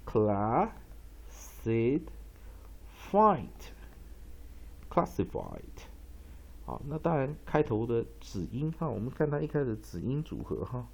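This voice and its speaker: A male English teacher giving a pronunciation lesson, explaining at length with many drawn-out fillers and reading dictionary entries aloud. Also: mid-range voice, lively intonation, creaky, dark tone, slightly rough. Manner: reads dictionary entries slowly.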